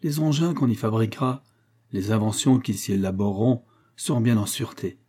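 A man's voice: lowish voice, a little fast, mellow, close to an everyday voice. A man voicing a ruthless American billionaire in an audiobook, speaking with bitter scorn and threats of revenge. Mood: scornful. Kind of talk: audiobook character reading.

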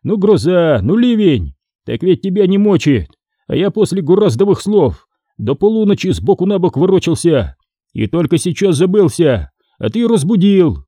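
A man voicing a loud, scoffing blacksmith. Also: high-pitched, sing-song, normal speed, dry recording, studio quality, voice pushed up, heavily acted. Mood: grumbling. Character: bold, mocking chained blacksmith master, adult man.

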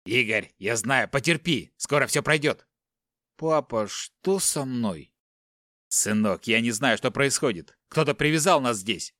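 A man's voice: mid-range voice, animated, a little slow, a bit bright, no room sound, clean studio sound. A man voicing a tough middle-aged father held captive, firm and reassuring.

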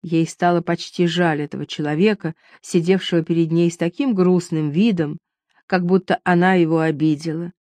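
A woman narrates a novel in an even, measured manner. Her voice sits a little low. The recording is dry and close, with no room sound. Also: no echo. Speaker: audiobook reader. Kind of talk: scripted narration.

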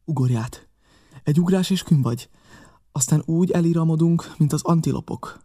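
A man's voice: on the high side, mellow, slightly rough, pitched above the performer's own voice. A man voicing a grave, earnest old ship's doctor. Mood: urgent. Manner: earnest, scolding, pleading. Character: grave kindly older male ship's doctor.

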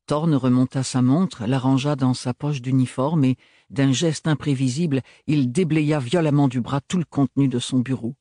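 A male narrator reads a novel aloud in a measured, even storytelling manner. His voice is mid-pitched and husky, recorded close and dry. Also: no room sound. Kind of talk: audiobook reading.

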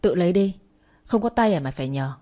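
A woman's voice: on the low side, expressive, a little fast, dark tone, breathy edge. A woman reading a story, voicing a cruel, two-faced young woman who scolds a child harshly. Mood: harsh scolding.

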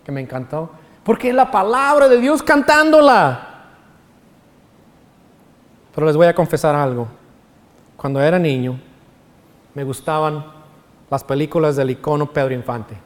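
A man's voice: a little high, lively intonation, a little slow, long pauses, long reverb tail. A man preaching a sermon in as pastor, explaining scripture point by point. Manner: preaching with sung quotes of songs.

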